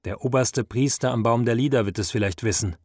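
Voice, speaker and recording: A man's voice: mid-range voice, a little fast, darkish tone, no room sound, clean studio sound, lightly acted. A man doing a grave hermit wolf warrior.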